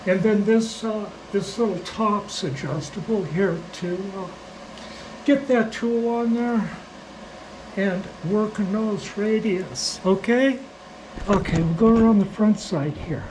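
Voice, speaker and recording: Thin, hoarse, high-voiced man, slow and halting. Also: darkish tone, slight background noise, low-quality recording. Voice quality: weak, thin, hoarse voice from surgical damage. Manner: halting, plain-spoken explaining. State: hoarse from smoke. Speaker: millwright demonstrating shop tools. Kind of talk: casual hands-on workshop demonstration.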